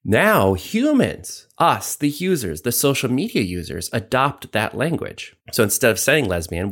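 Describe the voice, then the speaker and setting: A man co-hosting a discussion, explaining ideas in an animated way with rising emphasis. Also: on the low side.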